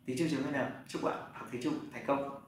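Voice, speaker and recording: A man's voice: mid-range voice, fairly even intonation, normal speed, over loud music. A man teaching an online Chinese lesson, talking directly to his learners. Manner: direct, talks straight to learners. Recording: very echoey room, mic far off, faint background noise.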